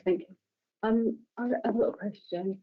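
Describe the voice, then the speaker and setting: A woman on a council committee putting a question to a councillor, with measured pauses. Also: medium pitch, fairly even intonation. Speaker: committee member. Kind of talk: formal questioning. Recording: tinny phone-like line.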